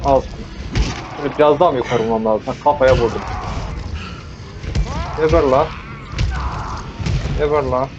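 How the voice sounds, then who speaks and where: A man's voice: mid-range voice, fairly even intonation, racing. Joking young man playing a zombie game. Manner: joking, talks to the zombies, bursts into yells. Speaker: gameplay streamer. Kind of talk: casual let's-play commentary. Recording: dull lo-fi mic with noise.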